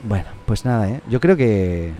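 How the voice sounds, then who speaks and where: A man's voice: on the low side, lively intonation, normal speed, mellow. A man with a Catalan accent hosting a casual podcast, rambling and joking with lots of restarts. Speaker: podcast host.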